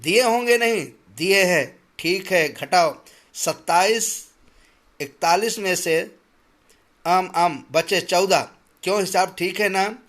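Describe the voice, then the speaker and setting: This stern, calculating household master, voiced by a man reading a school story, tallies each coin aloud and lectures pedantically with weighty, deliberate stress. Pitched slightly high for a man, he becomes sharp, shouting and stammering once his temper erupts. The portrayal is plain and stays near the reader's natural voice.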